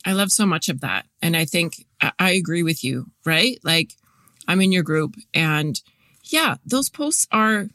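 Woman, podcast host, casual interview, rambling restarts, lower voice, dry close sound. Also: expressive, a little slow, bright, forceful tone, no echo. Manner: chatty, many fillers and restarts, agreeable.

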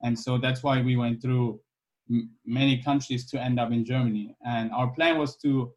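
Relaxed young man from Iran. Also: mid-range voice. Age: 20s. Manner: easygoing, thoughtful, many pauses and fillers. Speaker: guest. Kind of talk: casual interview.

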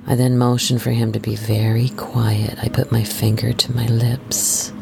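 A storyteller hosting an adult story series in a soft, intimate, scripted first-person narration, hushed and measured, slipping into breathy whispers. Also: medium pitch, level tone. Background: music.

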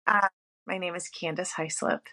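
Friendly woman in her forties as a guest, lower pitch, bright tone. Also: fairly even intonation, normal speed. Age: 40s. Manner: friendly, laughs easily. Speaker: podcast guest. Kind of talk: casual conversation.

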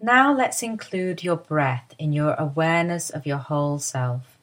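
A woman with a low voice leads a slow, calm body-awareness session. Her delivery is soft and soothing, unhurried from line to line. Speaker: movement teacher guiding a lie-down. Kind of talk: guided body-awareness instruction.

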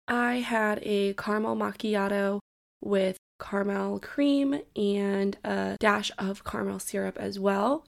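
A woman's voice: mid-range voice, gravelly. A young woman hosting a podcast, chatting casually in a rambling way with many "like"s. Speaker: podcast host. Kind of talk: casual chat.

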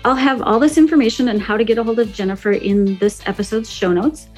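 A woman's voice: on the high side, fast, a little mellow, faint music behind. A woman hosting a podcast interview in a conversational style. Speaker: podcast host.

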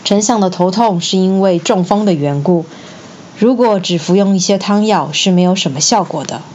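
An earnest, self-assured old physician, as a woman storyteller puts him on. The voice stays close to her own, speaking in a steady, explaining way. A slightly dull recording with faint hiss. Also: mid-range voice, normal speed, lightly acted. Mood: confident. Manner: self-assured, then pleading.

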